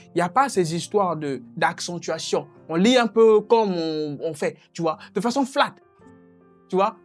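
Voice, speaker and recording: A woman's voice: fairly low pitch, a little mellow. A woman teaching English pronunciation online, talking directly and encouragingly to the viewer.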